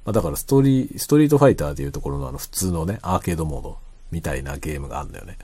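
A man chatting casually and quietly late at night, rambling as he explains, often trailing into soft asides. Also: expressive, racing, slightly rough. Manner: quiet, low-voiced late-night talk. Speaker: streamer chatting to listeners.

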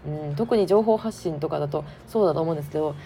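Kansai woman chatting solo on her podcast, hoarse n stuffy nose, lowish voice, lots of um and well. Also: fast talker, dark tone, slight background noise. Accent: Kansai Japanese. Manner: chatty, frank, many fillers. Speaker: podcast host. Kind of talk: casual solo podcast talk.

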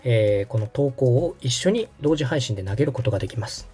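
Over soft background music, a man who hosts a podcast and directs radio gives a step-by-step app tutorial as a polite instructor. His medium-pitched voice is animated, fairly quick, warm and husky.

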